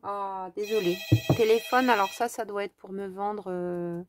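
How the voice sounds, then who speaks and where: A woman's voice: medium pitch, steady tone, a little slow, noisy background. A French woman with a French accent chats casually to her viewers as she crafts, hesitating often and thinking aloud with many fillers. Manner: talks straight to her viewers. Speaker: crafting vlogger. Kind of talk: casual craft-along chat.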